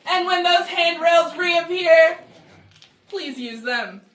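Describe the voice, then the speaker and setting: A woman's voice: extremely high pitch, expressive, slow, a bit bright. A woman working as a tour guide, speaking to a group in an underground cave with a strong echo. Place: underground cavern with hard rock walls, cave echo. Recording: echoing cave, distant mic, faint noise.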